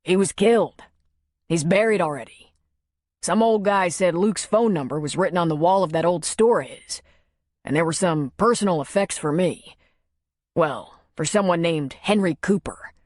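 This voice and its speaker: A woman's voice: lowish voice, moderate pace, darkish tone, no room sound, clean studio sound, close to an everyday voice. A woman narrator voicing a plainspoken man who talks in a casual, clipped, matter-of-fact way.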